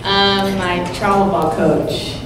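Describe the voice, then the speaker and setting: A young woman from California, a college softball player giving short, upbeat press conference answers with fillers. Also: mid-range voice, fairly even intonation, slow pace, very echoey, over music, low-quality recording. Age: young adult.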